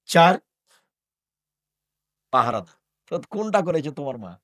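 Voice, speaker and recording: A man's voice: on the high side, sing-song, unhurried. Older man preaching a scolding sermon. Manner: scolding, with rhetorical questions and sudden loud rises. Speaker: Islamic preacher.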